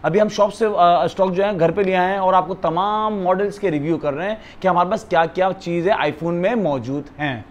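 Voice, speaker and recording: A man with a Pakistani accent giving an eager, repetitive teleshopping-style sales pitch as a phone retailer. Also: moderate pace, few pauses. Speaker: phone retailer presenting stock. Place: living room of a house, indoors. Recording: some background noise in a room.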